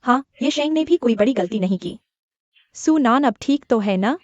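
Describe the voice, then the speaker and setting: A woman's voice: fairly high pitch, expressive, normal speed, dry recording, dull audio, lightly acted. An actress dubbing a frail, scheming young woman who pleads and plays the victim. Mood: protesting. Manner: pleading and self-pitying. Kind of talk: dubbed drama acting.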